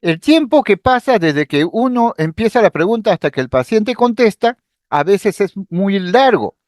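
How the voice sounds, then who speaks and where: High-voiced man lecturing on psychiatry. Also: moderate pace, no room sound, studio quality. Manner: explanatory, acts out patient speech examples; lively intonation, occasional fillers and restarts. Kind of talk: recorded medical lecture.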